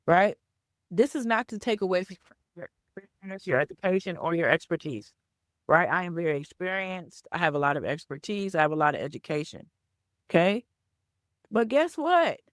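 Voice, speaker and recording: A woman's voice: fairly low pitch, no room sound, clean studio sound. A woman hosting a solo business podcast, stressing her points and checking in with "right?" and "okay?". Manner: emphatic, repeats key points with "right?" and "okay?". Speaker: podcast host and business coach.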